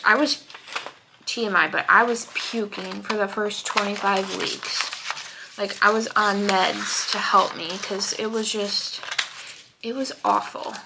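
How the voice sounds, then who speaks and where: Young woman vlogger, unhurried and chatty, heartfelt talk about pregnancy at home. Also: medium pitch, noisy background. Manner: chatty, heartfelt, many fillers. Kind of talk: casual vlog chat.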